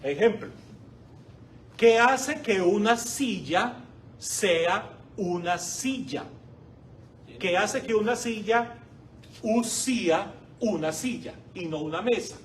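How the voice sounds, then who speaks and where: A male parish teacher leads a Bible class in an unhurried, high voice. He keeps asking his students questions and repeats each key word. He is recorded from across a church hall classroom, with a faint hiss behind him. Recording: distant mic, faint background noise.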